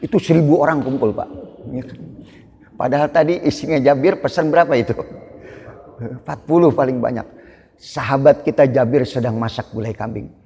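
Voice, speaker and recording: Preacher guy telling a story at the mosque, raspy, lots of hall echo. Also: medium pitch, normal speed, pauses often. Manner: lively storytelling with asides to the congregation. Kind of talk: storytelling sermon.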